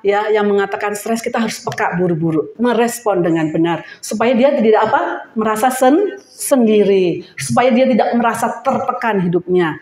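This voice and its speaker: Woman preaching in an echoey hall. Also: a little high. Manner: animated, acts out prayers and crying voices; call-and-response with the congregation. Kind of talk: sermon to a women's fellowship. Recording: echoey room.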